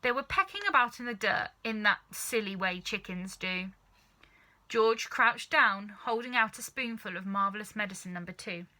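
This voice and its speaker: In a mid-range voice, a woman narrates a children's tale aloud with deliberate, expressive delivery, in the manner of a storybook reader.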